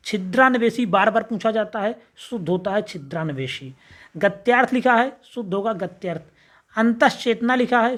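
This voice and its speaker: A woman teaching an exam spelling lesson, reading each wrong form with stress and then giving the correct one in a lower voice. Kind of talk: spelling lesson, word-by-word drill.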